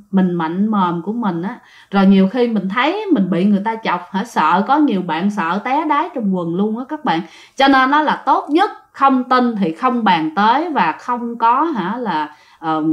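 A woman telling a true ghost story casually, talking straight to her listeners. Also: a little high. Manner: chatty, addresses listeners directly. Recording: dull lo-fi sound.

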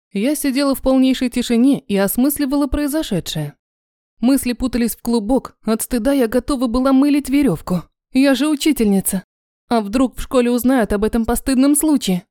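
A woman narrates an audiobook in the first person, wry and confessional. Her voice is fairly high but mellow, recorded close and dry. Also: dry recording.

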